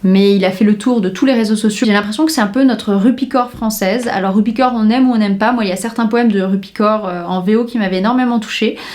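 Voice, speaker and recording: A woman's voice: medium pitch, quick pace, hardly any pauses, a little mellow. A young woman from France chatting casually about her reading list on her podcast, enthusiastic, with many fillers and restarts. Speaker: book podcaster. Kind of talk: casual book chat.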